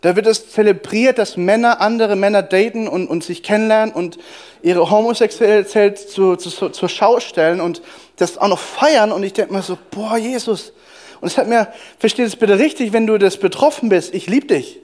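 A man with a high voice preaches with insistent emphasis. He repeats phrases and climbs in pitch as he drives each point home, in the style of a church sermon. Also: normal speed, darkish tone. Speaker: pastor.

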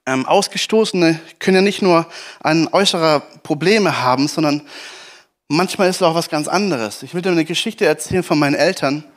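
High-voiced man preaching a lively sermon. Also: normal speed. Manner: animated storytelling, acts out shouts and pleas.

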